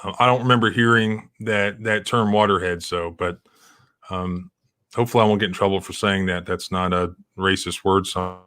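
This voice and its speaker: A middle-aged civil rights lawyer hosts a live stream, giving casual commentary that is rambling and emphatic, with many restarts and fillers. His voice is deep and a bit bright, with fairly even intonation at normal speed.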